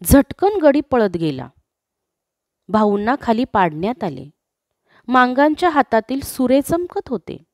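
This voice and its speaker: A woman narrating a classic story in a slow, expressive reading. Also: fairly high pitch, no echo, studio quality.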